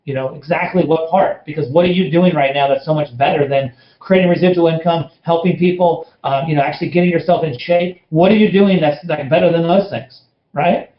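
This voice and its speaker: A man's voice: a little high, brisk. A man telling his network marketing story in an interview, blunt and emphatic, speaking from home. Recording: roomy, dull lo-fi sound.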